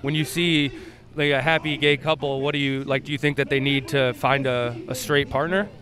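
A man's voice: medium pitch, fairly even intonation, normal speed, a crowd in the background. A young man interviewing people outdoors at a rally, casual and full of "like.". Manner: casual, lots of 'like'.

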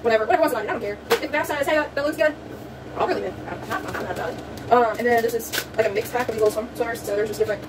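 A slightly high, rapid-fire voice belongs to a young vlogger with a South Louisiana accent doing a casual haul video at home, rambling with many ums. She's in a small room with a table, and the phone camera set back on it captures her distantly over faint room noise.

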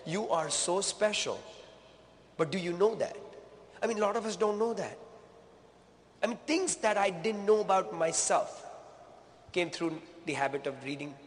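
High-voiced energetic man on stage. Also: long reverb tail, slight background noise. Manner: energetic, repetitive, addresses crowd as "gang". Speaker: motivational business speaker. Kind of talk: motivational stage talk.

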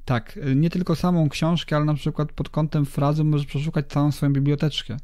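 A man hosting a podcast, explaining things in a halting way and repeating words. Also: a little high, level tone, dark tone, no echo, clean studio sound. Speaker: podcast host. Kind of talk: casual chat.

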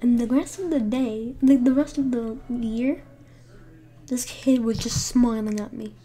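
With someone sleeping close by in the room, a woman rambles through a profane, filler-heavy storytime at home, at times whispering. She speaks unhurriedly in a warm, steady voice on the high side.

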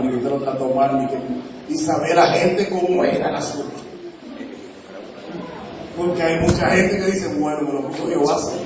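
Man, evangelist sermon, animated storytelling, slightly high voice, booming church echo, congregation heard. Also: background noise. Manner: animated storytelling, voicing both sides of a dialogue. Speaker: evangelist preacher. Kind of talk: sermon with acted-out anecdote. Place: church service. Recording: very echoey church, distant mic. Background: congregation responding.

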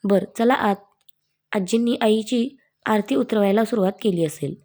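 Casting: woman doing an eager young woman in a read-aloud story, mellow tone. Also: mid-range voice, a little slow. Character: lively emotional young woman.

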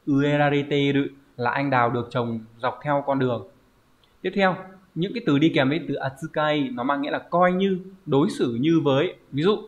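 A man teaching a Japanese vocabulary lesson online, explaining step by step and often checking with "right?". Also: fairly high pitch. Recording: dull lo-fi recording.

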